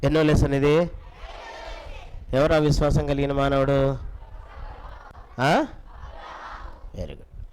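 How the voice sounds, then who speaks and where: A man leads a children's Bible lesson with a slightly raised pitch. He fires short questions at the class and repeats them. He keeps coaxing the children to answer louder. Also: level tone, takes it slowly, pauses often, some chatter behind, slight background noise, low-quality recording. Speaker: Bible school teacher. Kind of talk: teaching children, quizzing the class.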